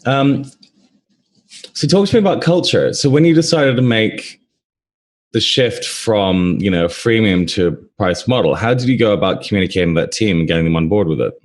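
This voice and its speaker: A man's voice: lowish voice, moderate pace. A man in his thirties interviewing over a video call, often ending questions with a checking "right?". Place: small room at home, indoors.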